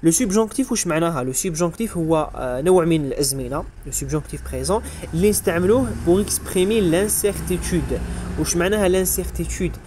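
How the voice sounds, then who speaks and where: A man's voice: on the high side, animated, racing, mellow, a little hiss or hum. A man with an Algerian Arabic accent explaining French grammar as an exam revision lesson, spelling out verb endings letter by letter. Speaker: French teacher.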